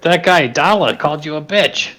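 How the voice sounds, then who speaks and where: A man's voice: a little high, moderate pace, sharp tone. A man playing a tabletop game, talking in an emphatic, insistent way. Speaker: player. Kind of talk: casual tabletop play.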